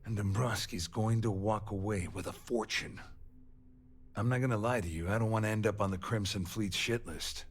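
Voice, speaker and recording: A man's voice: on the low side, normal speed, breathy edge. An actor playing a blunt, suspicious, self-serving male passenger on a starship in a video game. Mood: angry, worried.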